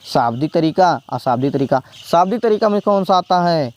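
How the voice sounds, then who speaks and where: A man's voice: a little high, expressive, brisk, darkish tone. A male teacher gives a spoken exam-prep lesson, repeating points and asking and answering his own questions. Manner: repetitive, asks and answers own questions, says "bhaiya".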